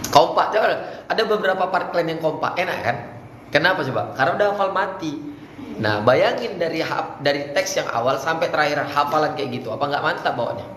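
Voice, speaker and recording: A man's voice: a little high, expressive, fast talker, a bit bright. Echoey male religious speech coach. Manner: casual, demonstrates Arabic recitation in a chanting voice. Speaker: teacher coaching students in Islamic speech contest. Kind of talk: coaching lesson with demonstrations. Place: indoor room at an Islamic boarding school. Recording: echoey room, faint background noise.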